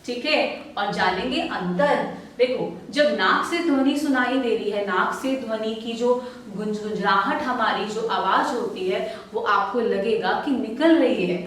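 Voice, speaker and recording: A woman teaches a primary-school class and draws out each word as she reads it. She often asks a question and then answers it herself. Her fairly high voice sounds distant, in a strongly echoing room. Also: a bit bright. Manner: slow, drawn-out word reading with call-and-response questions. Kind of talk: online primary-school lesson. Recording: very echoey room, voice off-mic.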